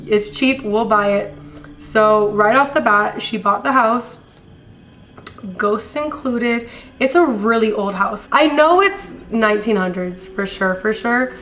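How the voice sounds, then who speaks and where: A young American woman with a smoker's rasp, hoarse from being sick, telling stories in a casual, rambling, slangy chat. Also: a little high, slow pace, a bit bright, slight background noise, rough recording. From California, later Colorado, US. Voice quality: raspy, like a smoker's voice. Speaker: storytime vlogger.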